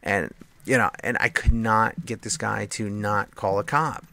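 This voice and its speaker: A man's voice: fairly low pitch, steady tone, a little slow, gravelly, sharp tone. A young man casually telling a long personal story over gameplay, rambling with lots of fillers. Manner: rambling, filler-heavy, acts out quoted voices. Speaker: gameplay commentator.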